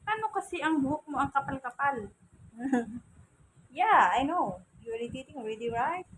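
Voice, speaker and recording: A woman's voice: sits high, expressive, moderate pace, a bit bright, a little hiss or hum, poor audio. A woman with a Filipino accent talking to her pet in teasing, cooing baby talk while drying it. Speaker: pet owner vlogger. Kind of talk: casual chat to her cat while drying it. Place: home, by a fan.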